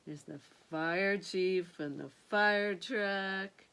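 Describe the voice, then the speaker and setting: A sweet, grandmotherly older woman reads a picture book aloud to children, expressively drawing out key words and adding gentle asides. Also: medium pitch, extremely slow, smooth. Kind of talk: animated read-aloud storytelling with asides to young listeners.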